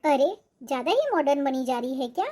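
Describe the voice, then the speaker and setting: A woman's voice: high voice, lively intonation, fairly quick, warm tone. A woman voicing a strict, controlling middle-aged mother-in-law who scolds sharply, for a cartoon. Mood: scolding. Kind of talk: cartoon voice acting.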